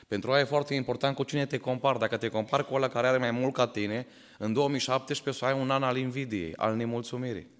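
A man's voice: mid-range voice, big-room sound. A man preaching a sermon to his congregation, asking many rhetorical questions and telling stories in which he voices the characters. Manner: tells stories and voices the people in them. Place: church hall.

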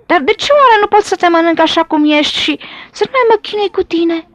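A woman's voice: very high voice, expressive, no room sound, voice pushed up. A woman voicing a grumpy, greedy male snake in a storybook, scolding and irritable. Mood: grumbling.

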